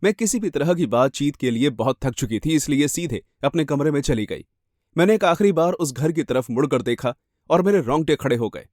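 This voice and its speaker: A man's voice: on the high side, animated, fairly quick, darkish tone, no echo, clean studio sound. A man reading a first-person horror story with dramatic, suspenseful delivery.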